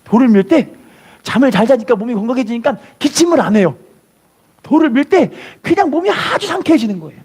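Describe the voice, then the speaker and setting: A man's voice: extremely high pitch, sing-song, fairly quick, a little mellow, slightly rough. A man preaching a sermon as pastor, telling a story and acting out its voices, then leading the congregation to repeat after him. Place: church.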